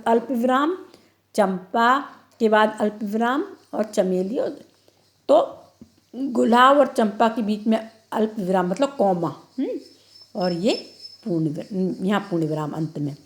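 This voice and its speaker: A woman teacher giving an online class lesson, explaining step by step and repeating each answer. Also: on the high side.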